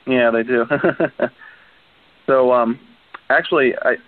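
A man in his twenties calling in to a radio show over the phone, chatty and quick to laugh. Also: medium pitch, no room sound. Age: 20s. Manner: chatty, laughs often, hedges with "you know" and "um". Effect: phone line on a radio show. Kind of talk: casual call-in chat. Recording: tinny phone line on the radio.

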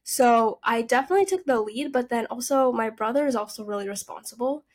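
A nineteen-year-old woman raised in the United States appears as a podcast guest in a casual interview. Speaking briskly in a voice on the high side, she tells upbeat, chatty stories about her family.

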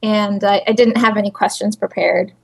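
A bubbly, chatty woman calls in as a guest on a casual podcast, laughing often, her voice heard over speakers on the call-in line. She speaks at a normal pace with a mid-range, level tone that is creaky with a breathy edge.

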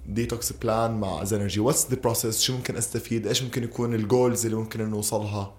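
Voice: mid-range voice, steady tone, racing, a little mellow. An interviewer, asking questions in a casual chat and mixing with English. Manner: mixes Arabic with English.

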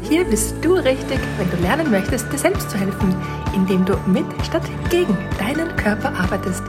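A woman's voice: a little high, big pitch swings, moderate pace, loud music behind the voice. A woman hosting a fitness podcast, asking a guest questions in a chatty, friendly way. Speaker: podcast host. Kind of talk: podcast interview.

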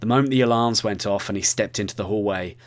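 A man's voice: on the low side, fast talker. A man narrating a heist story from a script, now and then speaking straight to the listener. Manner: addresses the listener directly.

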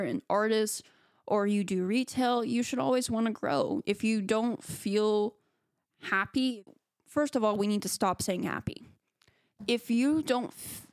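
A young woman talks through her own podcast episode in an earnest, unscripted way. She pauses on ums and restarts her sentences often. The recording is dry and close, with no room sound. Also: mid-range voice, no echo. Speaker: podcast host and photographer. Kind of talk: solo podcast monologue.

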